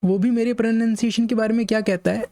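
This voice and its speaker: An Indian man, an English teacher with an Indian accent, calmly explaining a point to his viewers and slowly reading passages aloud. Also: sits high. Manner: measured, repeats points, reads English slowly.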